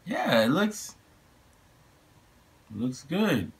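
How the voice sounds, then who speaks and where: A man's voice: fairly high pitch, wildly swooping pitch, drawn-out words. Young male reaction host, loose slangy chatter, lots of fillers. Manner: rambling and slangy, with frequent fillers and restarts. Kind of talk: casual trailer reaction chat.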